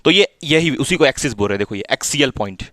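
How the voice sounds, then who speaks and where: A man's voice: medium pitch, animated, quick pace, fairly bright tone, dry recording. A man tutoring physics in a small room, repeating himself as he coaxes and mildly scolds his students. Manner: repetitive, coaxing, mildly scolding. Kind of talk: classroom teaching.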